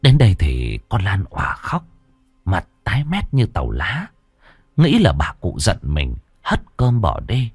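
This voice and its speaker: A man narrating a story in an expressive, animated storytelling manner. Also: low-pitched, unhurried, husky, no room sound, studio quality.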